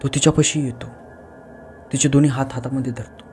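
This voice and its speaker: A man's voice: mid-range voice, fairly even intonation, fairly quick, darkish tone, soft background music. A man narrating a horror story in a conversational way, often speaking straight to the listener. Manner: conversational, addresses the listener directly.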